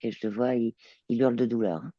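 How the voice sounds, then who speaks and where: A woman working as a telepath, describing her visions in a channeling session, halting and searching for words. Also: extremely low pitch, fairly even intonation, mellow, no echo, dull audio. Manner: hesitant, searching for words, many fillers.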